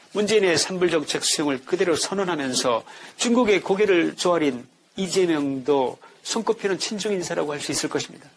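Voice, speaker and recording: Indignant Korean commentator, higher-pitched man. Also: slight background noise. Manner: indignant, full of rhetorical questions. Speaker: political commentator. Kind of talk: scripted political commentary.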